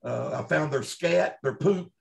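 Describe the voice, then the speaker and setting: A gravelly, fairly high-pitched voice belongs to a Kentucky-accented Bigfoot researcher speaking unhurriedly as an interview guest. He tells first-hand stories in a folksy, emphatic, conversational way and repeats himself for emphasis.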